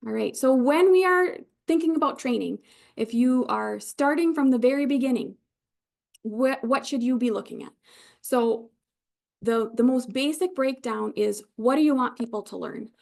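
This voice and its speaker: A woman's voice: high-pitched, normal speed, gravelly, a little mellow. A woman with an Upper Michigan Yooper accent leading an online training as an informal, conversational instructor who reassures her learners. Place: live online video session.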